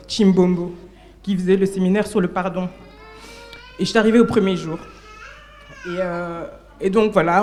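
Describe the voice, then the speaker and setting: Woman, church member sharing her testimony at a service; halting, self-correcting delivery. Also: medium pitch, dark tone. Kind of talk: personal testimony to a congregation.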